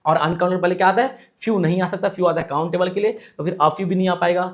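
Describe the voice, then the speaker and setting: A man teaching English for exams in Hindi. He reads the English sentences slowly and asks questions that he answers himself. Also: sits high, fairly even intonation. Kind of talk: exam-prep lesson.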